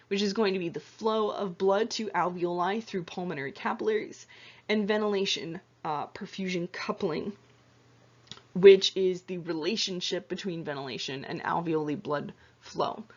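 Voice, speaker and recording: An anatomy and physiology instructor talks through her lecture slides casually and chattily, full of fillers and self-corrections, as her voice grows tired and hoarse. Her pitch is fairly low and the sound is lo-fi.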